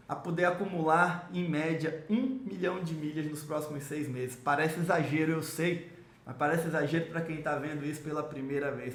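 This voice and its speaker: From Salvador, Brazil, a man coaching on miles and travel rewards pitches enthusiastically in a promotional explainer video, addressing the viewer straight on in a salesy way. The recording has a roomy echo.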